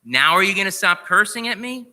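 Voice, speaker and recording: An exasperated man scolds his parrot in a stern, raised voice, as a preacher puts him on while telling a joke. The voice sits high and bright, with a long reverb trailing off the walls of a large hall. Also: expressive, brisk, exaggerated voice.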